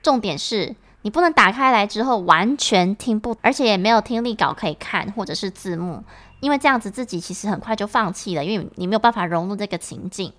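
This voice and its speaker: A woman's voice: medium pitch, expressive, a little fast, a bit bright. Taiwanese woman explaining a lesson. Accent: Taiwanese Mandarin. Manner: explanatory, patient. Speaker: English teacher. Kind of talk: podcast lesson.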